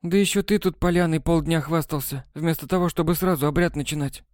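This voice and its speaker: A man's voice: on the high side, fairly quick, darkish tone, no room sound, clean studio sound, voice pushed up, lightly acted. A man voicing a blunt, scornful schoolgirl witch. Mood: defensive. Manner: scornful, blunt, matter-of-fact. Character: sharp-tongued practical teen schoolgirl witch.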